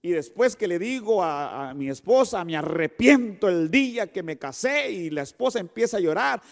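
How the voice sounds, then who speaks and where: A male pastor delivering a sermon in a high, bright voice. He is animated and acts out the people in his stories, stretching out the words he wants to land. His voice rings with a long reverb from a church hall. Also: vocal fry. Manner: animated, acts out quoted voices and slows for emphasis.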